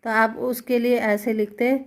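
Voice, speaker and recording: A woman's voice: a little high, little pitch movement, a little slow. A woman teacher explaining grammar step by step, asking questions and answering them herself. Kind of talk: Hindi grammar lesson.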